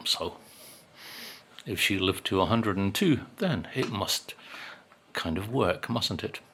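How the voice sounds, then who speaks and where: A man in his sixties talks to camera in an easy, rambling vlog, dropping wry asides between frequent ums. His delivery is unhurried and his tone is bright and forward. A faint hum of room noise sits behind him. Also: low voice, expressive. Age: 60s. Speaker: vlogger. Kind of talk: casual chat to camera.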